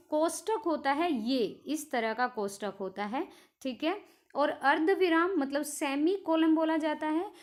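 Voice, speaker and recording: A woman teaching a grammar lesson for exam preparation, explaining step by step and mixing English words into her talk. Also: high voice.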